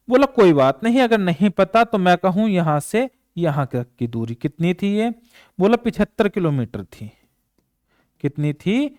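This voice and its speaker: A male math teacher walks through exam problems step by step, firing off questions and answering them himself. His voice sits high and moves lively up and down. The sound is dry and close, with no room around it. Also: smooth, no echo. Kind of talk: exam-prep math lesson.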